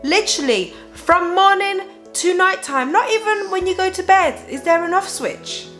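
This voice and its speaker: Her voice is extremely high and a bit bright, at normal speed, with soft music playing behind. She's a young, worn-out mother and parenting vlogger, confessing her feelings to viewers candidly and emphatically while checking in with them.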